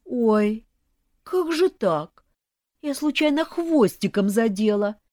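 A woman's voice: a little high, lively intonation, slow pace, dark tone, no room sound, studio quality, voice pushed up. Woman putting on a sugary hissing snake aunt. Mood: fake sweetness. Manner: syrupy hissing. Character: scheming snake-woman aunt, falsely sweet.

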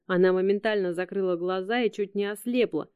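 A woman reading an audiobook in a steady, matter-of-fact narration. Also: mid-range voice, a little fast, smooth, no echo, phone-quality sound. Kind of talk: scripted narration.

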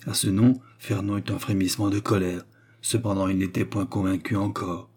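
Low husky male narrator. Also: level tone, moderate pace, darkish tone. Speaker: audiobook narrator. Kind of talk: scripted narration of a classic novel.

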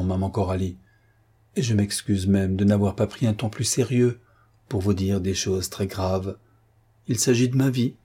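A man's voice: fairly low pitch, warm tone, slightly rough. A man reading the lines of a cheerful, bold wounded young army captain, familiar yet respectful.

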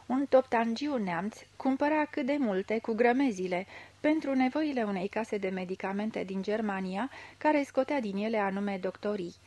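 A woman reading a literary novel aloud in a measured, even storytelling manner into a close studio mic. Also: medium pitch. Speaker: audiobook reader. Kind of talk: scripted literary narration.

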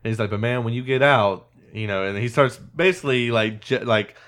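A man's voice: medium pitch, a little fast. A man on a podcast, casually retelling a film scene by scene, acting out quotes and laughing often. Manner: animated retelling with acted-out quotes. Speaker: podcast host. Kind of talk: casual movie recap chat.

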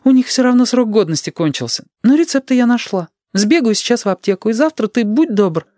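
A man's voice: extremely high pitch, lively intonation, fairly quick, a little mellow, dry recording, clean studio sound, voice pushed up. A man voicing a tired but caring middle-aged mother who talks in a bustling, affectionate way.

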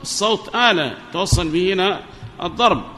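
Speaking into an amplifier microphone in a reverberant hall with faint background noise, a man with a high-sitting, expressive, sharp voice teaches briskly. His Arabic grammar lesson explains a grammar poem, and he quizzes his students and repeats their answers.

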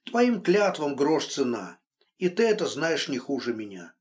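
A man's voice: fairly high pitch, big pitch swings, measured pace. A man voicing a stern, worried man who scolds and comforts a friend brusquely. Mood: reproachful. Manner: brusque, exasperated.

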